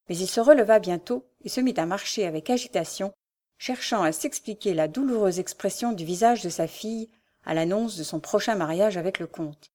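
A woman narrating a classic novel as an audiobook, measured and expressive from line to line. Her voice is mellow and warm, at an ordinary pitch for a woman.

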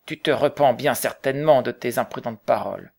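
A man reading the part of an old Quaker, earnest and gently reproachful, in an audiobook. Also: medium pitch, fairly quick, vocal fry.

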